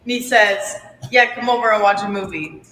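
A woman's voice: mid-range voice, moderate pace, bright, forceful tone. Sarcastic woman in an echoey clip. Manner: sarcastic storytelling. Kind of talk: social media clip monologue. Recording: echoey, reverberant clip audio.

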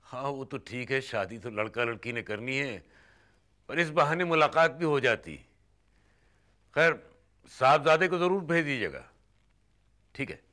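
An actor playing a grave, measured older family patriarch in a TV serial drama. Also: male voice, medium pitch, expressive, bright, forceful tone. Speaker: family elder, father. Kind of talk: TV serial acting.

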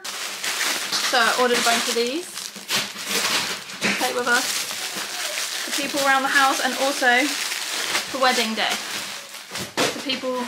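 A young woman with a high, bright voice talks through her day in a chatty, upbeat way, her words a little lispy from braces. She records into a handheld camera, and loud background noise runs under everything she says. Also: fairly even intonation, slow, pauses often. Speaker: vlogger. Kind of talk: casual vlog chat.

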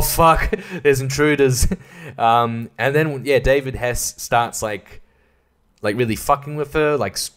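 Male podcast host, middle-pitched, rambling and profane film-review monologue with frequent laughter. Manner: rambling, profane, laughs often, many fillers; animated, jumps high in pitch for emphasis.

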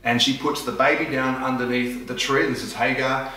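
Male pastor, lively storytelling sermon, bright voice, distant echoey pickup. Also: medium pitch, normal speed. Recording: echoey room, voice from far off.

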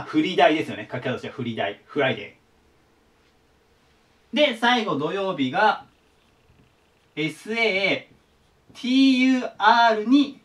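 A man giving a casual whiteboard lesson as an online tutor, chatty and sharing his own memory tricks. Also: high-pitched. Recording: voice a bit distant from the mic.

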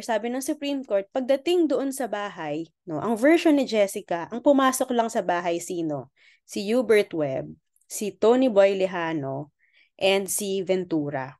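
A woman's voice: mid-range voice, a little mellow, no echo, clean studio sound. A woman explaining a court ruling in a casual lecture style, often checking in with "okay?" and mixing in English. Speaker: law explainer.

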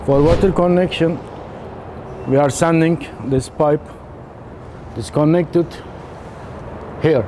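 A man in his thirties on a factory floor, explaining machine installation step by step in halting, simple phrasing. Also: on the high side, background noise. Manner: halting non-native phrasing, slow and step-by-step. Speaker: technician demonstrating machine installation. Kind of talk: instructional walkthrough.

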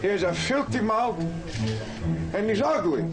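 A man's voice: high-pitched, lively intonation, measured pace. A man playing a crotchety old man who grumbles and hurls insults in a film clip. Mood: grumbling.

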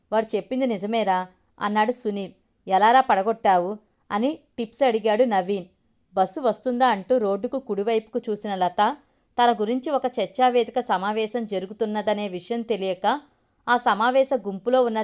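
A woman reading a romantic family story aloud as the narrator, at a steady, even pace. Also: fairly high pitch.

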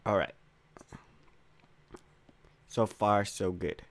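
Slow-talking young man raging at a game. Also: fairly even intonation. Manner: raging, swearing, voice cracking high when failing. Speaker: gamer. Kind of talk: Minecraft parkour gameplay commentary.

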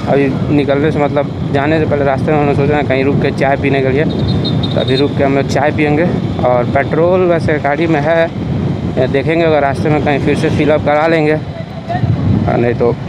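A young man narrating casually while riding a motorcycle on an open road, rambling with many fillers, speaking into a mic close to his mouth. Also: fairly high pitch. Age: young adult. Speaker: motovlogger. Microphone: helmet-mounted mic close to the mouth. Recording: loud wind and traffic noise. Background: wind, engine and passing vehicles.

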